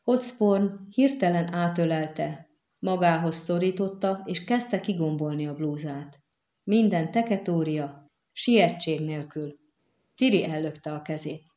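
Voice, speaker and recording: Woman audiobook narrator, lowish voice, roomy dull recording. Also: warm tone. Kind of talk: scripted narration.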